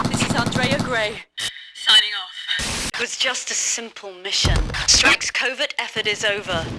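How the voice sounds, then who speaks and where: Playing a TV news anchor in a game cutscene, a woman with a fairly high, lightly acted voice reads scripted bulletins. She keeps it crisp and formal while noise carries on behind her.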